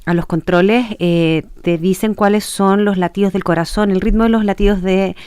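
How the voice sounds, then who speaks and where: A woman's voice: mid-range voice, fairly even intonation, normal speed, a little mellow, smooth, no room sound, clean studio sound. A woman, co-host of a radio talk show, chatting casually and sharing a personal anecdote.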